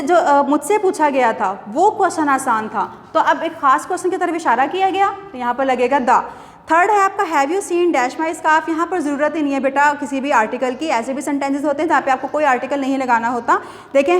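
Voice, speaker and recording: A woman's voice: sits high, a bit bright. A woman teaching a grammar lesson to students, explaining step by step and asking them questions, then answering them herself. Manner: reads example sentences slowly and deliberately. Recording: echoey hall with faint noise.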